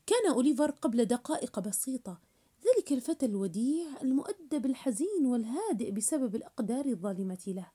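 A woman narrating a novel summary in a steady, measured reading voice. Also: high voice, breathy edge. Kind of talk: scripted story narration.

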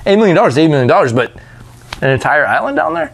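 A man with a fairly high voice reads strange news stories aloud for a podcast. He sounds incredulous and drops casual curses between items. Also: big pitch swings, very fast, slightly rough.

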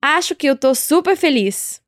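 Here a woman leads a Portuguese audio lesson in an expressive, slightly high voice at normal speed, patiently and repeatedly asking the listener to repeat after her. The recording is dry and close, with no surrounding room.

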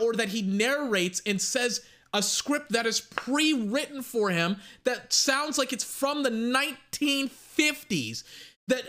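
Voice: mid-range voice, pushed and bright. A young adult giving a heated, profane sports rant. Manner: angry, profane, fast ranting. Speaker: sports commentator.

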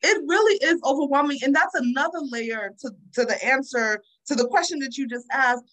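A woman's voice: sits high, brisk, fairly bright tone, rough recording. A woman speaking as a podcast guest in a casual faith conversation, earnest and testimonial, sometimes repeating words as she thinks.

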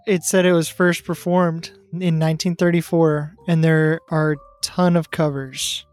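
A podcast co-host in casual chat, teasing and deliberately contrarian. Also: mid-range voice, little pitch movement, a little mellow, faint music behind.

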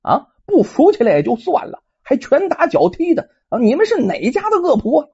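A woman voicing a kind, dutiful young village girl who speaks softly and earnestly. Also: high voice, big pitch swings, a little fast, voice pushed up. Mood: indignant. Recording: dull lo-fi recording.

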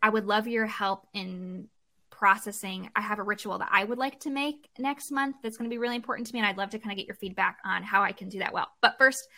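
Woman hosting a podcast, bright tense voice, chatty, rambles through her questions. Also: mid-range voice, fairly even intonation, quick pace. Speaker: podcast host. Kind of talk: conversational podcast interview.

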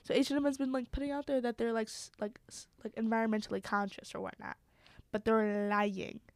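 A woman's voice: a little high, fast, darkish tone, no echo. A young woman co-hosting a casual podcast chat, talking loosely with many fillers and laughs while her mic cuts in and out. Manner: chatty, lots of fillers and laughs. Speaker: podcast co-host. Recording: dry, mic cutting in and out.

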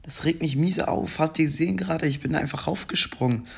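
A man's voice: fairly high pitch, vocal fry, breathy edge. A young man with a scratchy voice giving casual commentary while playing a game, rambling, then breaking into frustrated outbursts. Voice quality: scratchy morning voice. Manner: frustrated outbursts between slow chatter. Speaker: gaming video creator.

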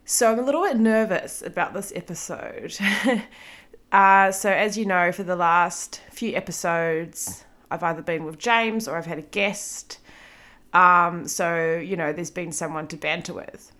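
Her voice is on the low side and fairly bright, and she takes her time: she's a podcast host in her thirties from New Zealand, going solo for this episode. She chats away, poking fun at herself, with lots of ums and small laughs.

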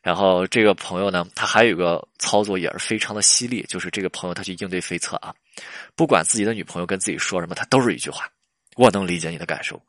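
A man's voice: low-pitched, fast talker, fairly bright tone, no room sound, clean studio sound. A man hosting a casual relationship advice talk, chatty and full of rhetorical questions. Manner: chatty, laughs at his own stories, rhetorical questions.

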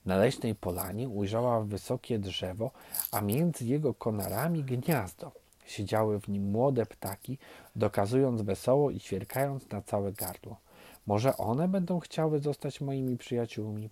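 A man reading a fairy tale aloud with gentle, expressive storytelling. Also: mid-range voice, no room sound.

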